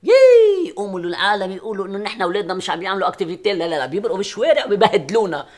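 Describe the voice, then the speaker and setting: A man's voice: sing-song, very fast. An actor with a Lebanese accent playing a teasing, exasperated husband and father in a sitcom, mocking one moment and coaxing the next. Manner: mocking, wheedling, swings from booming to soft coaxing. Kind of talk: sitcom acting.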